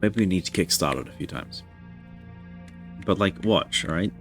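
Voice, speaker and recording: A man's voice: deep voice, expressive, normal speed, gravelly, fairly bright tone, soft background music. A man streaming a video game live, chatting casually and rambling to his viewers. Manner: rambling, chatty, self-deprecating.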